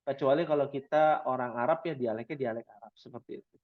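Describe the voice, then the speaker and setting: A man teaching an Arabic class online, encouraging students and slowly repeating words for them. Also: medium pitch, narrow, tinny audio.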